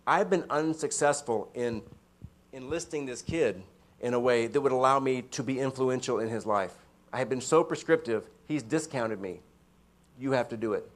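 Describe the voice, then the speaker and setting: A man voicing a weary male panther guardian who speaks quietly in a defeated tone. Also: mid-range voice, big pitch swings, fast talker, hardly any pauses.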